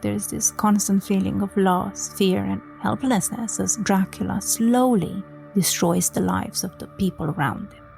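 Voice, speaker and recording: A woman from Romania hosting a book-talk podcast, speaking softly and sometimes dropping to a whisper. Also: mid-range voice, creaky. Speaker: podcast host.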